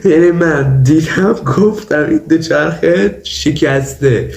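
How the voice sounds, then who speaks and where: A man's voice: fairly high pitch, creaky, a little mellow, roomy sound. A young man with a cold, chatting through a try-not-to-laugh reaction video and insisting the clips aren't funny. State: has a cold. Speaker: YouTuber.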